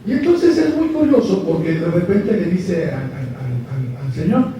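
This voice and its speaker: A man's voice: sits high, very animated, moderate pace, crowd noise. A man giving a live conference lecture, joking and asking the audience questions. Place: large lecture hall. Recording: echoey hall, mic far off, faint hiss.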